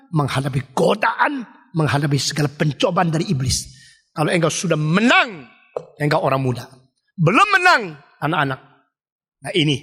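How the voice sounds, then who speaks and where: A man delivers a sermon from the pulpit with emphatic, dramatic swings, stretching his repeated refrains slowly. His voice is high and bright and leaps widely in pitch. The sound carries a long reverb from a large church hall. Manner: emphatic preaching with dramatic swings and slowed repetitions. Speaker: pastor.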